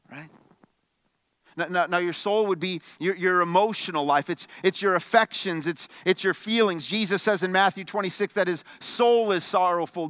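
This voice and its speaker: A man preaches a sermon as a pastor in a high-sitting voice, conversational in tone, stumbling over repeated words and swinging between loud emphatic bursts and quiet questions. There's no echo.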